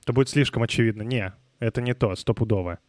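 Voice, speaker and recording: A man's voice: medium pitch, fast, darkish tone, dry recording. A man live streaming a game into a close microphone, commenting informally, muttering in puzzlement, swearing and chatting with viewers. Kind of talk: casual gaming live stream commentary, reading and answering chat.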